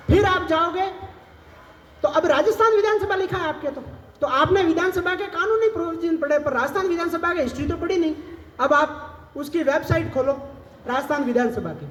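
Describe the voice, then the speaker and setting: A man who is a civil service officer, giving advice to exam aspirants and explaining things directly with rhetorical questions. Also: very high voice. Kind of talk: advice talk to an audience. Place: large hall with an audience. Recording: echoey hall with faint background noise.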